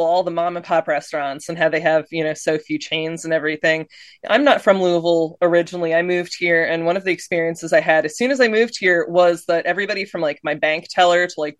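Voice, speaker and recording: A woman's voice: lowish voice, no echo. A woman hosting a podcast, asking long, thoughtful questions in a casual way. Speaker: podcast host.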